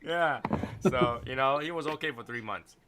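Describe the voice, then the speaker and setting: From a small foam-padded home studio, a Boston man in his thirties hosts a casual live stream chat, rambling and repeating himself. His mid-range voice goes at normal speed over a noisy crowd.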